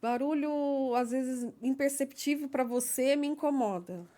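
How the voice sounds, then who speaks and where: Woman, interview guest, slightly high voice, careful and somewhat hesitant delivery. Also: unhurried, warm tone. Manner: explains carefully, often adding a checking "né?". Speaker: guest, legal assistant. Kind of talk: personal conversational interview.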